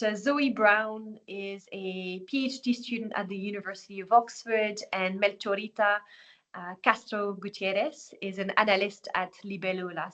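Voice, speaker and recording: A woman with a mid-range, slightly bright voice hosts an online webinar, presenting the network's platform. She walks through the website with lots of fillers and restarts.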